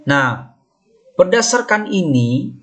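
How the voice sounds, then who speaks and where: A man teaching a recorded lesson, patiently explaining and repeating each term slowly while pointing at marks on a slide. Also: sits high, very animated. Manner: patient, explanatory, with many fillers.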